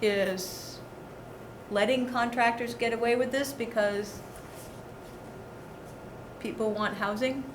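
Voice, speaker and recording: A woman's voice: on the high side, fairly even intonation, slow, long pauses. A woman talking in an outspoken, conversational way at a committee meeting. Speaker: committee member at a local meeting. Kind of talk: informal meeting discussion. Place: indoor meeting room. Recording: echoey meeting room with clear background noise.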